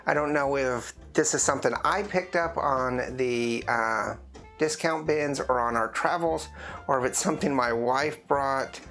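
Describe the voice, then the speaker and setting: A man hosting a casual coffee review vlog. He talks in a rambling way, with lots of fillers and restarts, and his voice is rough from the morning. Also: medium pitch, a little slow, a bit bright, soft background music. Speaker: host of a drinks review channel.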